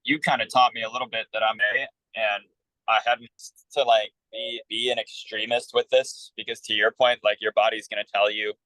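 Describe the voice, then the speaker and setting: Man, client on a video call, audio dropping in and out; low-ish voice, dry, halting delivery. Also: flat delivery, sharp tone, no room sound, poor audio. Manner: halting, restarting sentences. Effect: video call audio cutting in and out. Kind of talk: casual chat.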